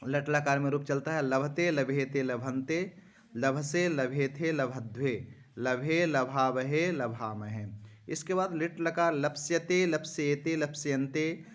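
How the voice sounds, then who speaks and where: A man teaching Sanskrit grammar, slowly reciting verb forms one after another and speaking directly to his students. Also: a little high. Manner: slow, measured recitation of lists, addressing students directly. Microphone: phone screen recording.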